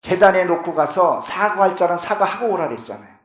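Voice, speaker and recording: A man's voice: high voice, lively intonation, brisk. A middle-aged male pastor preaching a sermon in a church, fervent and at times pleading. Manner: fervent, rising to impassioned pleading in prayers. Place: church sanctuary. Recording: echoey church hall.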